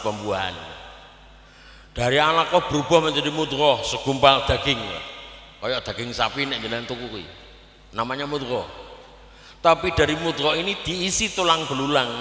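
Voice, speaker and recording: A man with a Javanese accent gives a humorous sermon at a live event, in a bright, forceful voice that sits a little high. He is lively and joking and keeps turning to the audience. The sound is echoey, with the long reverb of a big live setting. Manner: lively, switching between preaching and jokes, often addressing the audience. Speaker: preacher. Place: live outdoor religious gathering.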